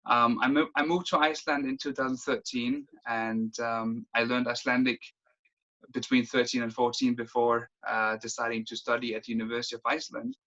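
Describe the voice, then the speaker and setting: A man in his twenties from Denmark, an interview guest talking casually, quick and full of restarts. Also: medium pitch, level tone, pushed and bright, muffled recording. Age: 20s. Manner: quick, lots of restarts and fillers. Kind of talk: casual conversation.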